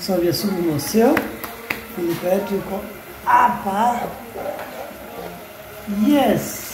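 Cooking in a small, echoey home kitchen with music and background noise, a Kenyan-accented vlogger speaks slowly in a high voice. He switches between Swahili and English casually, repeating words in a sing-song way.

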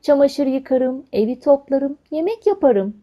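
A woman's voice: sits high, animated, a little slow, lo-fi sound, voice pushed up. A woman voicing a sweet, cheerful young princess in a storybook reading, raising her voice a little for the part. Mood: pleading.

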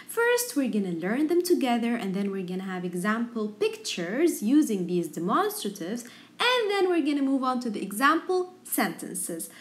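A woman with an Egyptian Arabic accent teaching a language lesson, repeating words and their translations in an instructional way. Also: fairly high pitch.

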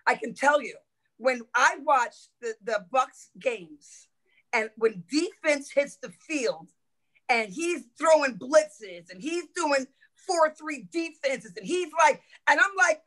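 A middle-aged woman, a former football coach, telling stories in a podcast interview, lively and swearing freely as she acts out quotes. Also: sits high, slow pace, poor audio. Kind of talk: animated storytelling in a podcast interview.

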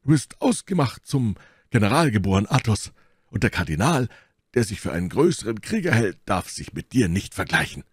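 A hot-tempered, blustering musketeer talks loudly and with heavy emphasis, as a male reader puts him on. His voice swings widely in pitch and sounds dry and close. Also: sing-song, moderate pace, no echo. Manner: loud, emphatic.

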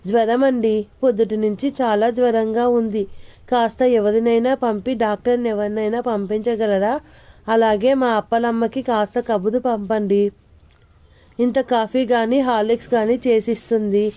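A woman's voice: fairly high pitch, fairly even intonation, moderate pace, mellow, natural voice. A woman voicing a feverish, weak young husband who speaks faintly and falters, in an audio novel.

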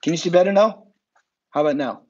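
Hoarse instructor guy, kinda high voice, muffled phone audio. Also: fast talker, darkish tone, a little hiss or hum. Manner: broken English with Korean interjections, upbeat emcee. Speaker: martial arts instructor. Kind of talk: live online class.

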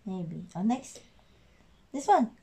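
A woman's voice: mid-range voice, big pitch swings, slow, gravelly, warm tone, husky. A mother in a casual family vlog, laughing often and patiently coaching her child's reading. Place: outdoors on a windy, rainy walk to school.

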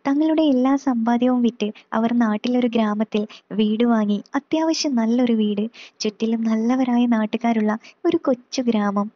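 A woman reading a story aloud in a steady, plain way. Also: on the high side, moderate pace, no room sound, dull audio.

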